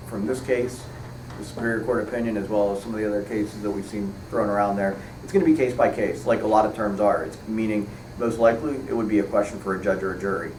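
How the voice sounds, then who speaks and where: A man, a legal expert, explaining in a brisk, analytical way. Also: lowish voice, steady tone. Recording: roomy, distant mic with background noise.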